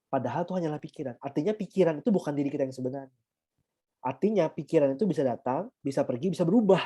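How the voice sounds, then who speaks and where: A man teaching meditation in a calm, explanatory way, often checking in with his listeners and mixing English terms into his talk. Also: on the high side, rapid-fire, breathy edge. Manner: calm, explanatory, frequent tag questions, mixes in English terms. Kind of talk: guiding an online meditation talk.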